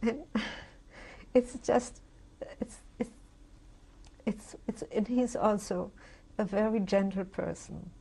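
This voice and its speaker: An older woman from Germany giving a reflective, halting oral history testimony, often restarting her sentences. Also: medium pitch, creaky, mellow, husky. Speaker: interviewee. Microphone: interview recording.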